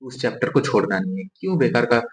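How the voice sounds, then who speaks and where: A man's voice: medium pitch, expressive, fast talker. A young man giving casual, direct study advice for board exams, repeating his instructions in a coaching tone. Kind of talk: casual exam-prep advice to camera. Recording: echoey room with faint noise.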